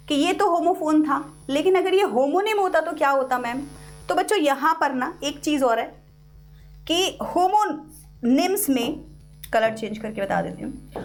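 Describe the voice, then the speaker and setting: High-voiced Indian woman teaching English. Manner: explains step by step, repeats key words, addresses students as kids. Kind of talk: online class lecture.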